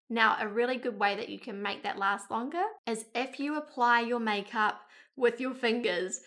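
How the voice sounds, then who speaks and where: A woman in her thirties with a New Zealand accent chats frankly to camera in a casual beauty vlog, tossing in wry asides. Her voice is on the high side and a bit bright.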